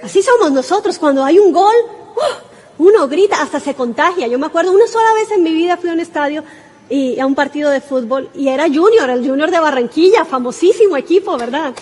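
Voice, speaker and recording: A woman preaching a sermon, speaking directly to the congregation and breaking into sudden excited exclamations. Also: quick pace. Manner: animated, bursts into high exclamations.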